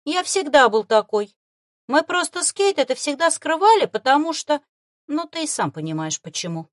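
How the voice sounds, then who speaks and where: A woman reading an audiobook voices a grumpy, sardonic male arctic fox familiar who talks in a huffy, condescending, scolding way, with a raised, lively voice in a dry recording. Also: sits high, normal speed, no echo, voice pushed up. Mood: grumbling.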